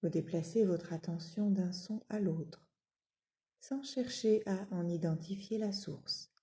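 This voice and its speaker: A woman with a fairly low-pitched voice conducts a yoga nidra relaxation. Soothing and measured, she delivers gentle guidance punctuated by long pauses.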